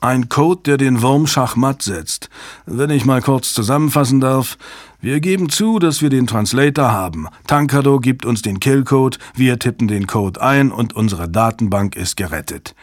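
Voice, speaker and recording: A man voicing a brash, loud male computer security chief who talks in a sarcastic, booming, scornful way. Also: normal speed, no echo, clean studio sound, natural voice.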